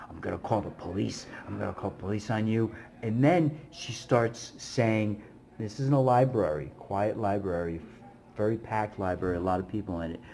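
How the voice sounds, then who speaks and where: A man's voice: on the low side, slight background noise. A man, a busking musician, telling stories casually to camera in a rambling way with many fillers. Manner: rambling, many fillers, animated when retelling.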